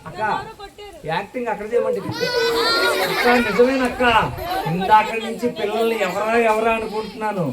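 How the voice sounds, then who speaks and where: A woman hosts a children's puppet show in a church hall full of kids, bantering playfully and teasingly, repeating phrases and calling out to the audience. Her medium-pitched voice moves at normal speed with frequent pauses. The hall echoes, the mic is distant and the crowd is loud.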